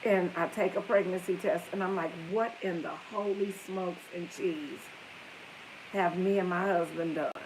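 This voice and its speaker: Telling a story on a live stream, a woman in her fifties rambles chattily, wandering off topic and frequently addressing her family as well as her viewers. She speaks unhurriedly in a fairly low, fairly even voice against a noisy background.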